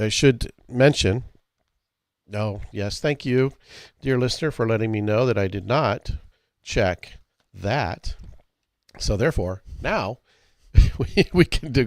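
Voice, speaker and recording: Deacon guy on radio, gravelly morning voice, dry close studio sound. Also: medium pitch, darkish tone, dry recording. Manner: casual, self-deprecating, stops to clear his throat. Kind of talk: radio fundraising talk and prayer.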